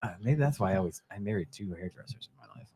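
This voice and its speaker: A man's voice: on the low side, very fast, noisy background. A man in his forties, a podcast host telling stories in casual chat and swearing freely. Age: 40s. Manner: animated storyteller, swears freely.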